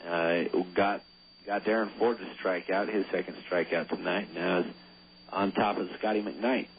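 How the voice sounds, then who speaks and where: A man in the color seat of a local baseball radio broadcast, talking in an easygoing, chatty way. His voice sits on the low side. It comes over a thin, phone-like line with light hiss behind it. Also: fairly even intonation, moderate pace. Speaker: color commentator.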